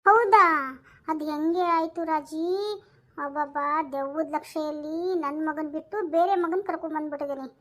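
A performer voicing a forgetful, easily frightened father in a comedy cartoon dub, talking in a fussy, excitable way. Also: high voice, normal speed. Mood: flustered. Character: forgetful cartoon father who fears ghosts.

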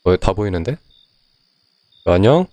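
Male game streamer, lowish voice, loose chatty commentary, reads on-screen text aloud, quick to curse and yell. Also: lively intonation, no room sound. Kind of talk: casual let's-play commentary.

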